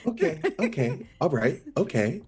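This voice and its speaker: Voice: mid-range voice, big pitch swings, normal speed, darkish tone, breathy edge. A player in a tabletop game stream, reacting dramatically and worriedly. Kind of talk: casual tabletop play.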